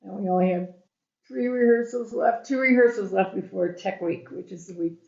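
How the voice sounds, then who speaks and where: An older woman with a Long Island accent talks in a chatty, casual way and laughs often. Her voice sits at a middle pitch. The room is roomy and echoing, and the sound is a bit dull. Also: normal speed, creaky, darkish tone. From Long Island, New York. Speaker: church member. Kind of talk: casual chat.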